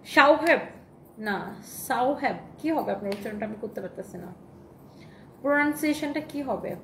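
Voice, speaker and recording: High-voiced woman selling dresses live. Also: animated, normal speed. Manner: reads viewer comments, thanks them, shows dresses; mixes English phrases into speech. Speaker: online clothing seller. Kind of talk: live sales stream. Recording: echoey room with faint noise.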